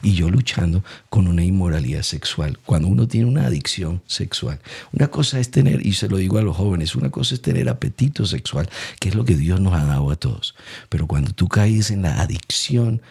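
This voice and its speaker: A young Colombian man giving an emotional faith testimony as an interview guest, storytelling with lively acted-out quotes. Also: low-pitched, brisk, vocal fry, husky. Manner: animated storyteller acting out quoted voices.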